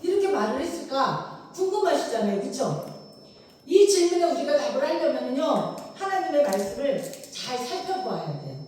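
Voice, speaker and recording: A woman's voice: moderate pace, slight background noise. A woman pastor preaching a sermon, telling the story vividly and acting out quoted lines. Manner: animated storytelling, acting out quoted lines with big pitch swings. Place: church sanctuary. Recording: echoey hall picked up from far off.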